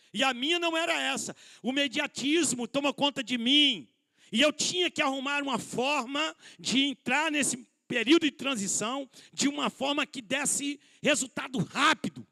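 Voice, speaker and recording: In a church hall, a middle-aged pastor delivers a conversational sermon at a church conference, calling his listeners brothers, posing rhetorical questions and poking fun at himself. His voice is extremely high-pitched, gravelly and sharp.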